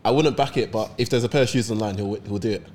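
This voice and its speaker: A man's voice: fairly low pitch, fast talker, darkish tone. A man, bantering casually in slang on a podcast.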